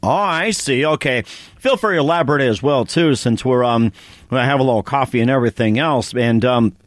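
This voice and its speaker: A male podcast host with a medium-pitched voice, speaking at a moderate pace in a dry recording, reads sponsor spots and chats casually with a guest. He rambles, using lots of fillers and repeated phrases like "as well, too."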